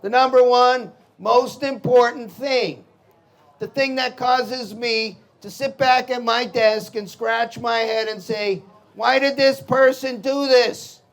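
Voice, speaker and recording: A man's voice: very high voice, fairly bright tone. A middle-aged male defense lawyer giving a blunt, emphatic public talk at a gun show, hammering home his key phrases. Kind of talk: public talk to a live audience.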